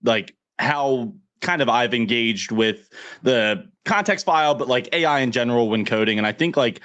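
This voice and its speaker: A man's voice: medium pitch, moderate pace, fairly bright tone, dull audio. A man with a New Jersey accent hosting a casual livestream, playful and joking as he hypes up his guests over a video call. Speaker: livestream host.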